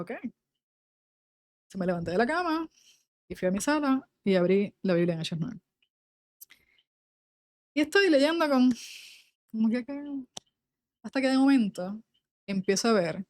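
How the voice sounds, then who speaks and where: A woman's voice: fairly high pitch, a little mellow, no room sound, studio quality. Woman teaching scripture. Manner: reads scripture aloud, then explains it in a conversational tone. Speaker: Bible teacher. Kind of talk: Bible study teaching.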